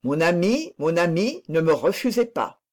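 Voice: medium pitch, big pitch swings, normal speed. A reader voicing an impassioned noble lady who declares her love in a fervent, pleading manner.

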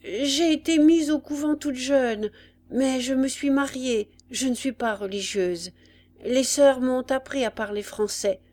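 A woman's voice: high-pitched, a little mellow, voice pushed up. A woman voicing a frightened, ragged young peasant mother who answers hesitantly. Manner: timid, hesitant replies.

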